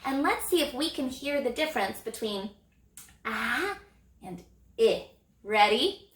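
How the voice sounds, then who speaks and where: A high, bright woman's voice teaching phonics to young children. She speaks slowly and stretches out each sound with exaggerated care. The room around her is echoey. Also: expressive. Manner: slow, exaggerated sound modeling with gestures. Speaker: elementary reading teacher.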